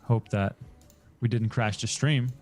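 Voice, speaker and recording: A man's voice: on the low side, steady tone, a little slow, darkish tone, soft background music. A man co-hosting a poker stream, chatting casually with dry, teasing humor. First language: Dutch. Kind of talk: casual co-host banter.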